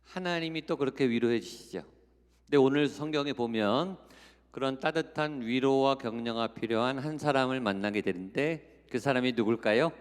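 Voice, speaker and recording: A man's voice: mid-range voice, normal speed. A man preaching a Korean sermon as a guest revival speaker, exhorting the congregation with rhetorical questions and acting out quoted voices. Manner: acts out quoted voices in the telling. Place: large church sanctuary. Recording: long hall reverb of a church sanctuary.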